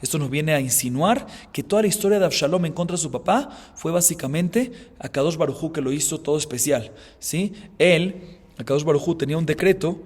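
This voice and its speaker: Rabbi teaching Talmud in a reverberant hall. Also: male voice, on the high side, animated, fairly quick, darkish tone. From Colombia. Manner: explanatory, frequent "¿sí?" check-ins, chants Hebrew and Aramaic passages. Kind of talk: Talmud class.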